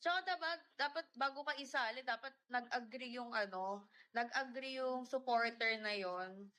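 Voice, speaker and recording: Here a young livestreamer greets her viewers by name in casual conversation, blending Tagalog and English mid-sentence. Her voice is on the high side, bright and forceful, at a moderate pace.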